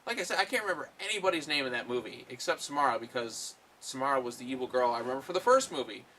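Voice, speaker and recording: A man's voice: mid-range voice, lively intonation, rapid-fire, bright, forceful tone, a little hiss or hum. A man giving a casual, rambling film review, full of fillers and blunt swearing. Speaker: movie reviewer.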